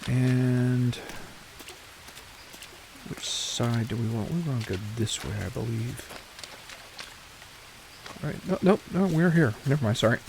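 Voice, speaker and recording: A man's voice: medium pitch, unhurried, long pauses, darkish tone, slight background noise. A man casually commenting on his survival game play for viewers, chatty and often correcting himself. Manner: chatty, self-correcting, talks to viewers while playing. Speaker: gaming channel host.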